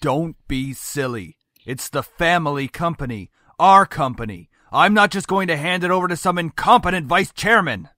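Stern, domineering middle-aged dad; crisp, forceful, dry studio read. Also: male voice, fairly high pitch, normal speed, hardly any pauses, no room sound. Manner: cold, commanding, explodes in anger. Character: stern controlling father, middle-aged businessman. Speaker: voice actor.

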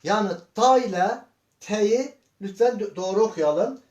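A man teaching Quran reading in a slow lesson, sounding out syllables one by one and asking his students patient questions. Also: sits high, a little mellow, muffled recording. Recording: echoey room.

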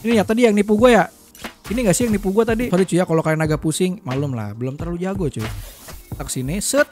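A young man from Indonesia, giving casual gameplay commentary and breaking into loud yelps as he plays. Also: high voice, very fast, soft background music. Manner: excitable, slangy, bursts into loud yelps during play. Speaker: gaming YouTuber.

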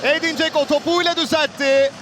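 A man giving live football play-by-play in an excitable way, with clipped phrases and drawn-out names. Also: very high-pitched. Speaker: football match commentator. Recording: roaring stadium crowd noise behind voice. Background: stadium crowd ambience.

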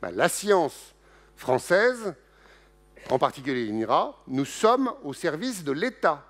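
A middle-aged man giving a public science lecture, joking and lively, with many restarts and asides. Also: on the high side. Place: lecture hall.

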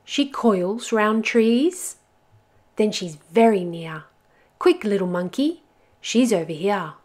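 Woman acting storybook butterfly, eager helper, high lilting pitch, unhurried, encouraging, a little muddled. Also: animated. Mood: eager, confident. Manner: bright-eyed, encouraging, exclamatory.

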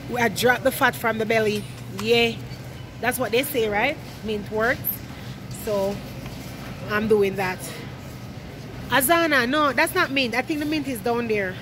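A young woman from Jamaica talks casually to her viewers while shopping, her accent strong and her voice a touch high. She chats and laughs as she walks, with the phone held at arm's length. Store noise stays clearly audible behind her. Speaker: vlogger. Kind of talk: casual vlog chat. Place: large indoor supermarket. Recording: loud store background noise.

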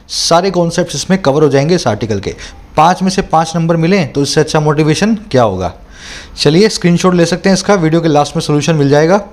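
A young man teaching English for exams, explaining words slowly and repeating each term in two languages. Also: fairly high pitch. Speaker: English tutor. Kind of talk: exam-prep lesson.

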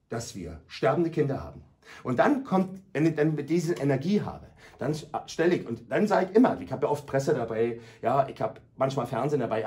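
A middle-aged man, an anti-bullying speaker telling his school stories loudly and dramatically in a radio talk. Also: on the high side. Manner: loud, dramatic, acts out scenes for listeners. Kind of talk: emphatic storytelling in a radio talk.

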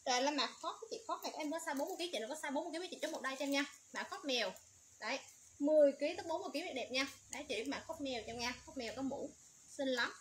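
A woman's voice: high voice, very fast, a little hiss or hum. A woman running a livestream sale, rattling off product codes and prices in a repetitive sales patter. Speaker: livestream seller.

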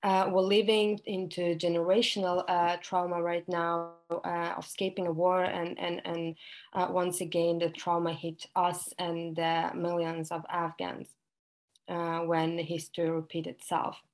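A young woman speaking at an online panel, hoarse from a cold, with many fillers and restarts. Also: on the low side, monotone, a little slow, poor audio. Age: young adult. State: hoarse from illness.

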